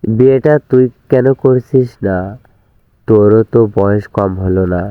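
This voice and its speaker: A young man plays a stern but caring big brother who scolds and bosses the younger ones, voiced by a male storyteller. His voice is low and smooth, recorded dry and narrow like a phone. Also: a little slow, dry recording, lightly acted. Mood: scolding. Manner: scolding, bossy. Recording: tinny narrow-band recording.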